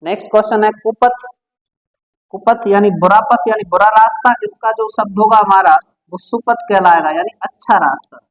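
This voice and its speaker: Here the Hindi vocabulary teacher speaks in a high voice at a moderate pace, drilling exam-prep words. His method is to quiz the listener repeatedly and answer each question himself, all captured with dull, lo-fi sound.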